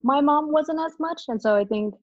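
A woman's voice: high voice, moderate pace, dry recording. Woman from Vietnam, reflective interview guest, frequent ums, dry close sound, muffled recording. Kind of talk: conversational interview.

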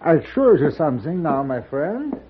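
An actor playing a frail, beaten old shopkeeper who speaks in halting, broken phrases, in a 1950s radio drama. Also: male voice, fairly high pitch, big pitch swings, slightly rough, full character voice. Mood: wry. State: weak and shaken. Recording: tinny old radio broadcast.

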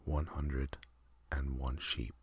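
A man telling a calm ASMR sleep story, counting in a soft, half-whispered, unhurried way. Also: extremely low pitch, breathy edge.

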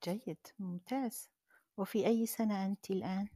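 A woman's voice: mid-range voice, steady tone, a little fast, warm tone, dry recording, studio quality. A woman hosting a live Arabic lesson in an audio chat app, patiently prompting and correcting a learner. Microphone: phone in an audio chat app.

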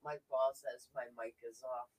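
A man's voice: medium pitch, fairly even intonation, moderate pace, breathy edge. Man muffled as if through a wall. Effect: muffled, faint mic, like talking through a wall. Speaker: co-host. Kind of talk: casual chat. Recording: muffled faulty mic, faint and distant.

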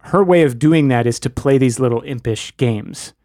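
A man's voice: mid-range voice, normal speed, mellow, no echo, clean studio sound. A man co-hosting a podcast, talking through a TV episode in a thoughtful, analytical, wordy way. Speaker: podcast co-host. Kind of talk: casual chat.

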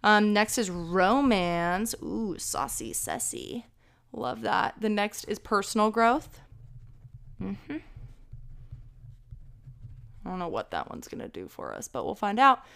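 A woman's voice: medium pitch, very animated, measured pace, long pauses, fairly bright tone, clean tone. A young woman in her twenties hosting a casual solo podcast, chatty and rambling with self-deprecating asides, a little out of breath. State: slightly out of breath. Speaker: podcast host.

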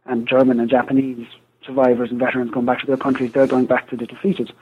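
A man with a west of Ireland accent speaks as an interview guest, laying out his research in explanatory fashion. His delivery is quick and medium-pitched. The sound is a little narrow and dull, like a radio line. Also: level tone, dark tone, slightly rough. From Galway, west of Ireland.

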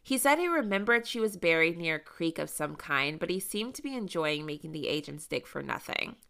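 A woman's voice: fairly low pitch, sing-song, brisk, creaky, a bit bright. A woman co-hosting a true crime podcast, reading the case story aloud with blunt, salty asides. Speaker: podcast co-host.

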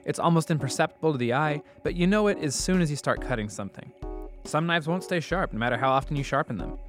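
A man's voice: a little high, animated. A man hosting a show, narrating a scripted introduction and then interviewing guests. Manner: measured, deliberate intro delivery. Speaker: podcast host. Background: faint music.

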